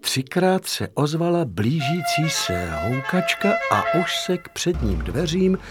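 A man narrating an audiobook in an expressive, theatrical reading. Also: medium pitch.

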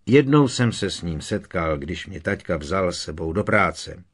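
A man's voice: low-pitched, lively intonation, husky. A man doing an eager young wizard brother.

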